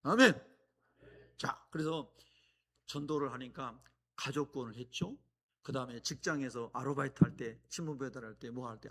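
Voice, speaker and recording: A middle-aged man delivers a sermon as a visiting preacher in a church. His telling is animated, swinging from quiet asides to loud exclamations. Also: medium pitch, slightly rough. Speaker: guest preacher. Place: church sanctuary.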